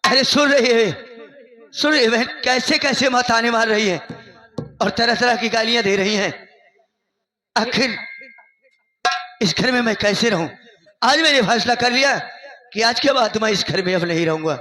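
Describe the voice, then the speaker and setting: A man's voice: extremely high pitch, moderate pace, pauses often, crowd noise. A man playing a proud, angry young son who leaves home, declaiming in a folk stage play. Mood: wounded. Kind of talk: live folk stage theatre. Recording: stage with loud music behind.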